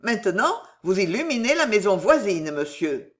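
A woman reading aloud, voicing a brisk, shrewd young manservant who gives urgent, sharp warnings. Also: medium pitch, very animated, lightly acted.

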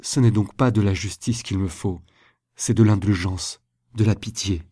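A jealous, remorseful young lover from a storybook as a man reads him speaks in a low, dark voice. His delivery is emphatic and pleading, and it pushes louder than the narration. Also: measured pace.

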